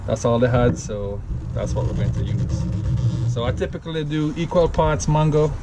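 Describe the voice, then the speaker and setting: Speaking with a Jamaican accent, a man from Jamaica who vlogs about home cocktails talks casually through a drink recipe step by step, rambling and fixing his own slips. His delivery is flat and medium-pitched at a moderate speed, and the audio is very noisy.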